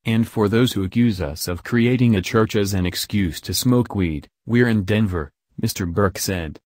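A man reading a news article aloud in an even, measured way, quotes read plainly. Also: fairly low pitch, no room sound, studio quality. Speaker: news reader.

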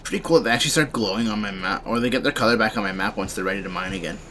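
A man's voice: lowish voice, very fast, fairly bright tone, slight background noise. A young man rambling casually and a bit drowsily while commenting on his own gameplay. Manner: rambling, drowsy, thinking aloud. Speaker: game streamer.

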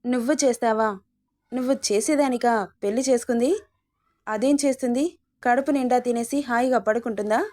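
A scolding middle-aged mother-in-law, voiced by a woman reader, nags and needles with sarcasm. Her voice sits fairly high and mellow, in a storybook reading. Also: fairly even intonation, moderate pace, lightly acted. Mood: nagging. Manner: sarcastic, nagging.

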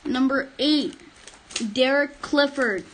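A young woman helping off camera, softly calling out pack numbers and names. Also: sits high, slow, slight background noise. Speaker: helper reading out names.

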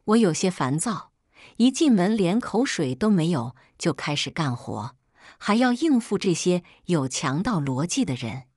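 Female storyteller for an audio drama: expressive, animated first-person narration, dry studio sound. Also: fairly low pitch, measured pace, slightly rough, no echo.

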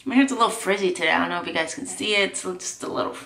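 At home, a beauty vlogger rambles candidly through a casual get-ready-with-me chat while doing her makeup. Her lowish voice is rapid-fire, pushed and bright, with vocal fry, and the room sounds echoey.

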